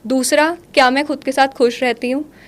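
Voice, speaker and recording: A woman in her thirties talking in a podcast conversation, mixing Hindi with slow, deliberate English lines. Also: high voice, fairly even intonation. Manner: switches between Hindi and English, slows down for English lines. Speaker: guest, manifestation coach.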